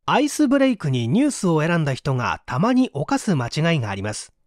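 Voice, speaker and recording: The nonfiction audiobook is read briskly, point by point, in a clearly enunciated scripted style full of lively pitch movement. The narrator is recorded up close in a dry setting with no room sound at all.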